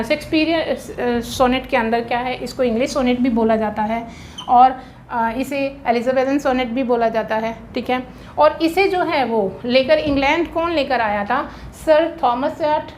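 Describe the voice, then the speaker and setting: This is an Indian woman with a high voice teaching an exam-prep lesson. She explains patiently and pauses often to check that her students follow. When she drills rhyme schemes, she spells them out slowly, letter by letter. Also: a little hiss or hum.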